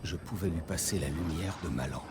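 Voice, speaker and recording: An actor voicing a male writer narrating his own story in a game, speaking in a hushed, often whispered inner monologue. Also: deep voice, fairly quick, heavy background noise, lightly acted. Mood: brooding.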